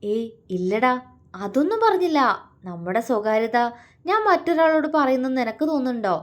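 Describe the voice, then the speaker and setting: A tender young husband in a storybook romance speaks softly and affectionately , as a woman reads his lines. His voice stays gentle and low-key, with a teasing warmth toward his wife. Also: expressive, a little fast. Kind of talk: storytelling dialogue.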